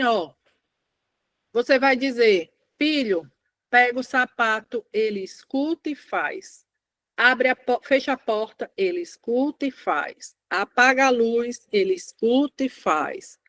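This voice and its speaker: A woman's voice: fairly high pitch, no echo. A Brazilian woman speech therapist giving a lesson to parents, emphatic and repeating her key points. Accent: Brazilian Portuguese. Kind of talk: direct-to-camera parenting lesson.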